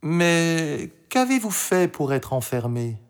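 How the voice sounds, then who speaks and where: A man's voice: a little high, big pitch swings, slow pace, smooth, voice pushed up. A man voicing a young, cheerful and kind princess girl in a storybook reading. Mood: eager, bright.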